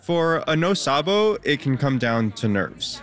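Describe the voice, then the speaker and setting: Lively male radio reporter. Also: medium pitch, measured pace. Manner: lively, conversational delivery with quizzing asides. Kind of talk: public radio news feature.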